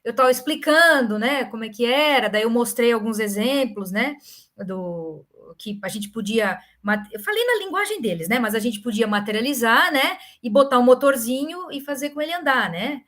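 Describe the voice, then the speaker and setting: Speaking at normal speed in a fairly high voice, this Brazilian-accented academic answers questions in an informal talk. Her storytelling is animated, and she frequently adds short tag questions to her phrases.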